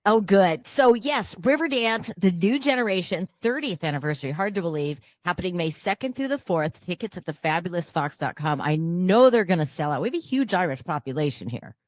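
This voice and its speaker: A woman's voice: fairly low pitch, animated, brisk, few pauses, no echo. A middle-aged woman hosting an interview, chatty, enthusiastic and informal. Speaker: host. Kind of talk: casual chat interview.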